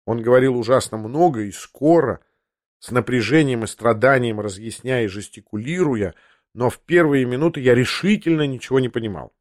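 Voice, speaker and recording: A man's voice: medium pitch, a little fast, dry recording, studio quality. Man reading a classic novel aloud. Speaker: audiobook narrator. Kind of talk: scripted first-person narration of a classic novel.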